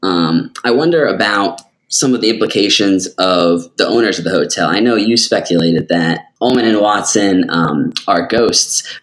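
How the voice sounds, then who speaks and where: A man in a casual film discussion, speaking thoughtfully with hesitations. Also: low-pitched.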